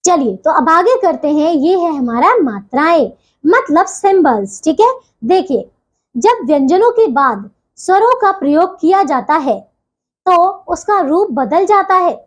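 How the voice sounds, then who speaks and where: Very high-voiced woman teaching children. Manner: patient, repeats a stock phrase of reassurance; slow, careful spelling out of sounds and examples. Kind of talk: recorded grammar lesson for children.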